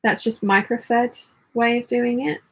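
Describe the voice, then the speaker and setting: A woman with a fairly high voice and a husky edge talks at an unhurried, slow pace. She hosts a casual sewing stream, narrating what her hands are doing in an informal, half-to-herself way. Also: steady tone, a bit bright. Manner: muttering commentary while working; reads chat messages aloud. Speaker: sewing livestream host. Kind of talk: casual live sewing chat, talking through the work.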